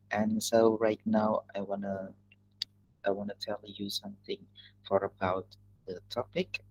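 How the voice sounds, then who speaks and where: A man with an Indonesian accent teaching an English lesson in an online class, talking in halting phrases that he often restarts. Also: on the low side, fairly bright tone, husky, low-quality recording.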